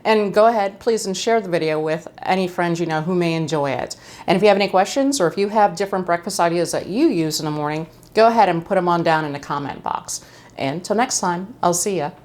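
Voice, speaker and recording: Middle-aged woman, lowish voice, chatty cooking host with a casual, friendly home-kitchen delivery. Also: animated, fairly quick, a little mellow. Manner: chatty, friendly, with fillers and asides.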